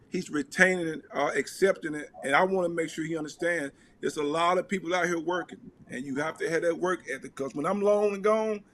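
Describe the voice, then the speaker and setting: Earnest middle-aged coach, slightly high voice. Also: male voice. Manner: earnest, repeats words when excited. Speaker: coach and father of an athlete. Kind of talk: casual talk show chat.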